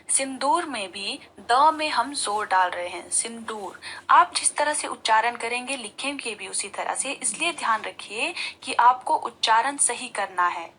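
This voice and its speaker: A woman's voice: a little high, a bit bright, slight background noise. A woman teacher giving a patient Hindi spelling lesson to school pupils, stressing each syllable as she says the words aloud.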